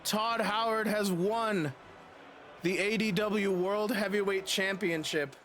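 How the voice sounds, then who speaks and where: A man doing dramatic, excited pro wrestling play-by-play in the manner of a ringside announcer. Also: sits high, slow pace, soft background music. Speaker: streamer and wrestling commentator.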